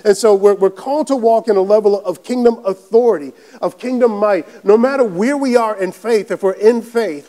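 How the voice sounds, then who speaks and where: Male pastor, high-pitched, emphatic sermon delivery with frequent hallelujahs. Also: darkish tone. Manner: slows down to stress key phrases.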